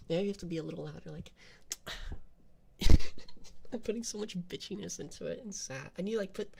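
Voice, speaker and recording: A man's voice: high voice, vocal fry, darkish tone, slight background noise. A man chatting casually on a live stream, giggly and self-mocking as he tests out voices.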